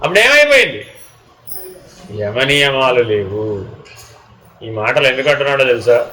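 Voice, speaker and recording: A man's voice: medium pitch, big pitch swings, moderate pace, bright, forceful tone, rough recording. A man giving a spiritual discourse, often asking his listeners questions and acting out small dialogues. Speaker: spiritual teacher.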